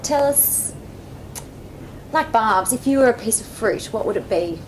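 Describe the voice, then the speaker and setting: A woman's voice: on the high side, lively intonation, unhurried, slight background noise, rough recording. A woman with a British accent hosting a mock chat show, asking playful questions. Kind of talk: casual chat.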